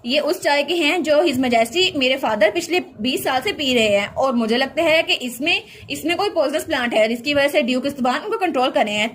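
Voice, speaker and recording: A woman's voice: sits high, a bit bright, a little hiss or hum. A woman reading the lines of an earnest young princess heroine in a plain storytelling voice.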